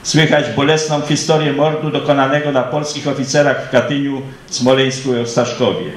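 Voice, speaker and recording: A man's voice: mid-range voice, little pitch movement, a little fast. Solemn man giving an echoey ceremonial speech. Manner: solemn, formal, declamatory. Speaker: ceremony speaker welcoming guests. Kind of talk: formal commemorative welcome speech, read out.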